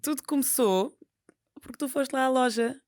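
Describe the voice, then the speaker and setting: A woman's voice: sits high, normal speed, darkish tone, dry recording, clean studio sound. A woman born in Portugal with a European Portuguese accent, co-hosting a podcast with laughing, bantering replies. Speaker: podcast co-host. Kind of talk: casual chat.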